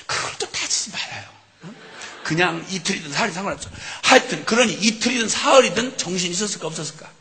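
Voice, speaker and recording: A man preaching a sermon as a missionary, telling the story in an animated way and acting out scenes with chuckles. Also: high voice, fast. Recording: long hall reverb.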